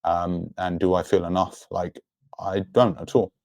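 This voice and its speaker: A man's voice: sits low, flat delivery, unhurried, creaky, a little mellow, dry recording. A young man speaking as an interview guest in an earnest, introspective way about his own life. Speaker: podcast guest. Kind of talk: personal, reflective interview talk.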